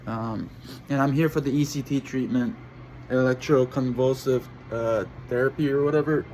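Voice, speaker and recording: A man vlogging in a casual monologue to camera, halting and rambling as he searches for words. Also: mid-range voice, fairly even intonation, darkish tone, a little hiss or hum.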